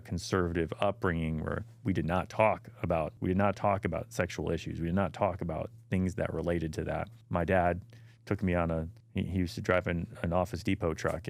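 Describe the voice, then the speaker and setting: A middle-aged man hosting a podcast, telling stories in a casual, animated way with lots of fillers and restarts. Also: deep voice, brisk, creaky, no room sound. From United States. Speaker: podcast host and men's health clinician. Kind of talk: casual monologue.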